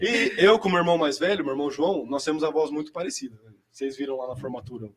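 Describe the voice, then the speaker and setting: Young Brazilian guy, high and fast, relaxed slangy storyteller. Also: crowd noise. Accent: Brazilian Portuguese. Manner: chatty and slangy, lots of fillers. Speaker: seminarian giving a vocation testimony. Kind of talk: casual personal storytelling.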